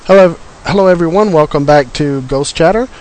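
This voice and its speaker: Male talk host, higher-than-average pitch, casual and stumbling live delivery. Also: a little mellow, low-quality recording. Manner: halting, stumbling over words. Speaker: radio show host. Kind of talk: casual live interview chat.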